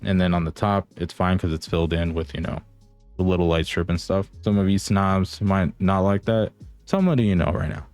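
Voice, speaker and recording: In an informal, slangy and playfully teasing way, a man reviews a gadget while speaking straight to viewers. His low voice is brisk and a little mellow, fairly even in intonation, over soft background music.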